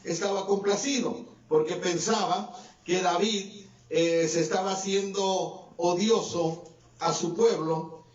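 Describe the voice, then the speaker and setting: A man preaches a sermon at a slow pace and in a steady tone, his voice swinging between raised and lowered as he goes. He seems set well back from the mic in a roomy church hall, and the echoey recording comes out dull and muffled.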